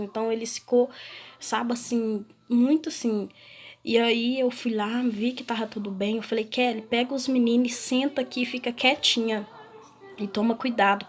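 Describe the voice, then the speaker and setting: A woman with a Brazilian Portuguese accent giving an emotional personal testimony, telling it earnestly and haltingly, often restarting her sentences. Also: fairly high pitch. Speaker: testimony speaker. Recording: music playing clearly behind.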